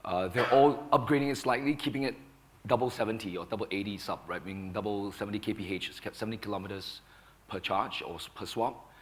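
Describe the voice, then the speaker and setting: A hoarse man with a sore throat, speaking on a conference panel and explaining points in a measured, firm way. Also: on the low side, a little hiss or hum. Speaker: panelist, company founder. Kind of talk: panel discussion.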